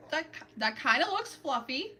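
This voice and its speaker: Chatting live with her viewers from home, a woman talks them through each stage of her manicure as she paints her nails. Her voice sits high and sounds very animated and sharp, at a moderate pace. She's picked up from a distance, with slight background noise.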